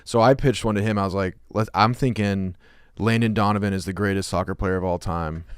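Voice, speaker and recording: A man in easy podcast chat, slangy and joking. His voice is low and clear, recorded close with hardly any room sound. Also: fairly even intonation, brisk, no echo. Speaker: podcast panelist. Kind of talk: casual chat.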